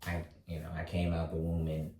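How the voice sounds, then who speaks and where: A thirty-year-old man vlogging, talking slowly through his thoughts with lots of fillers and restarts. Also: rumbling low, monotone, darkish tone, recorded from a distance, a little hiss or hum. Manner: halting, many fillers and restarts. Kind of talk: reflective casual monologue. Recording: roomy echo, voice set back from mic.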